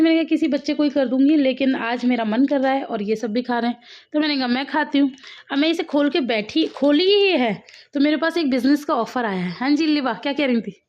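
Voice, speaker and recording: A woman's voice: high voice, lo-fi sound. A woman in her thirties chatting at home to her viewers in a casual vlog, laughing often and coaxing her children. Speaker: vlogger, mother.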